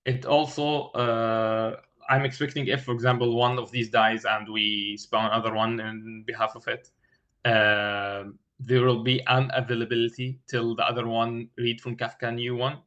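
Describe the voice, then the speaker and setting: A man explaining a technical design as an interview candidate, haltingly, searching for words with many filled pauses and repeated starts. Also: mid-range voice, little pitch movement, fairly bright tone, highs cut off. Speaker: engineering candidate in a mock system design interview. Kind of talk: thinking aloud through a technical design explanation.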